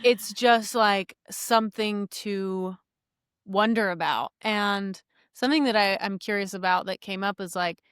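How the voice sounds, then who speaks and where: A podcast co-host with a smooth, crisp woman's voice, recorded close and dry. She listens supportively and answers thoughtfully in relaxed conversation. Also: medium pitch, a little slow, no room sound. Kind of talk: casual chat.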